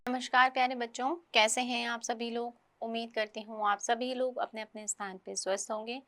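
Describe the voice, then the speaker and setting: High-voiced woman teaching a grammar lesson. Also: level tone, loud music behind the voice. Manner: clear, patient explaining, reads examples slowly.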